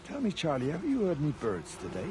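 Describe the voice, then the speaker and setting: An actor playing a worried older farmer in a video game, blunt and agitated. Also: male voice, on the high side, huge pitch swings, fast talker, background noise.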